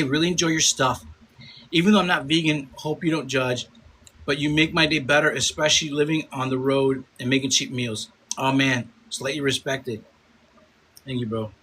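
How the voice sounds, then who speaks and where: A food content creator in his fifties streams live from his Chicago home on a phone, chatting casually, rambling, repeating himself and swearing as he reads comments. His voice is fairly high, bright and forceful, with a little hiss or hum.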